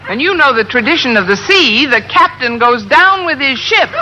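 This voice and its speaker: Sardonic American wisecracker, piercingly bright voice. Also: female voice, high-pitched, lively intonation, moderate pace, some chatter behind, rough recording. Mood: wry, needling. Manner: dry, sardonic delivery. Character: wisecracking, unflappable, sardonic woman. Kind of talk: old-time radio sitcom acting. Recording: old radio broadcast, faint hiss and audience.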